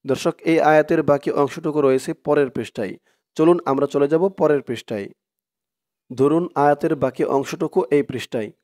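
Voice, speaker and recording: A man teaching Quran reading, slowly reciting verses and then explaining pronunciation in quick asides. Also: a little high, warm tone. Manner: slow drawn-out recitation alternating with quick explanations. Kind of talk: recitation lesson with call-and-repeat.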